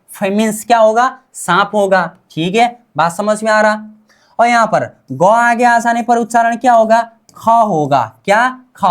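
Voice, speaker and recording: A woman teaching a language class, repeating sounds and asking and answering her own questions. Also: medium pitch. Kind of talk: classroom-style language lesson.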